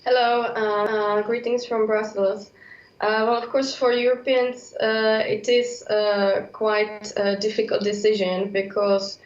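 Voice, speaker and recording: A woman from the Czech Republic, a political analyst joining by video call, speaking haltingly with many fillers. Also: mid-range voice, little pitch movement. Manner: halting, heavy use of uh fillers. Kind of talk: remote expert commentary. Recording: echoey muffled remote link.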